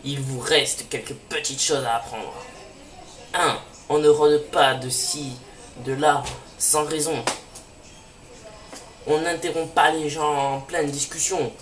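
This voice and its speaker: Man doing a shrill, scolding old professor. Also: steady tone, moderate pace, hardly any pauses, sharp tone, soft background music, natural voice. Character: stern elderly male professor, scolding. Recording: roomy, distant mic, faint hiss.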